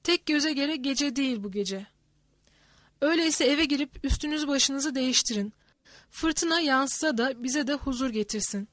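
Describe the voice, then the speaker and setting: A woman's voice: sits high, moderate pace, a bit bright, no room sound, clean studio sound. Woman reading as a grave old Calvinist elder.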